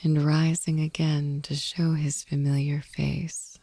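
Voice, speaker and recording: This is poetry read aloud by a woman hosting a sleep ASMR podcast. She whispers softly and breathily, slow and calming, right up against the microphone, sitting low with little pitch movement and no room sound.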